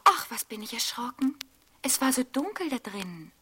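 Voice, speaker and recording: A woman doing a bright little girl. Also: a little high, sing-song, moderate pace, slightly rough, pitched above the performer's own voice, heavily acted. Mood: shaken. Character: little girl, innocent and trusting.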